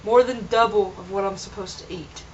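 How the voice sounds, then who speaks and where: At a moderate pace and medium pitch, a young woman talks earnestly in a casual vlog, wandering and restarting her sentences. The recording, made on a camera mic at home, is dull lo-fi home video with a slight hiss or hum.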